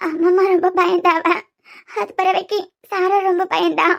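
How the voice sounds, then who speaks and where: A woman voicing an anxious, devoted young wife in a cartoon, pleading softly in a Kanyakumari Tamil accent. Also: very high voice, little pitch movement, a little slow, vocal fry, dull audio, exaggerated voice. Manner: pleading, soft. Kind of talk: cartoon voice acting.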